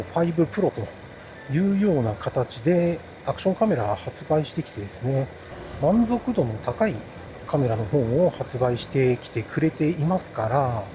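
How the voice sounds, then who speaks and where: A man talks to his viewers from inside a helmet while riding a motorbike. His delivery is polite and explanatory, with very animated rises and falls and drawn-out phrase endings. Clear vehicle noise runs behind his casual review-style chat. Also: on the high side. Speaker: motovlogger reviewing action cameras.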